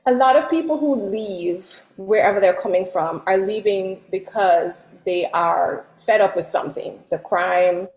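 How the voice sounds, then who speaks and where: Jamaican-born woman guest, laughs a lot, lively chat, echoey room. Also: medium pitch. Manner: laughs often, animated. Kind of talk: casual interview chat.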